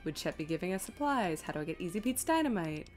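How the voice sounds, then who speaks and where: A woman with a lowish, sing-song voice talks fast over soft background music while streaming a game. She rambles in casual, self-deprecating fashion, thinking aloud and reading out chat messages.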